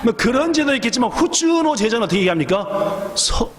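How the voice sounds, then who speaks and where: High, animated preaching man in echoey church. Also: fairly quick, a crowd in the background. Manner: lively, questions the congregation and acts out voices. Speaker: pastor. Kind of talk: sermon. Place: church sanctuary.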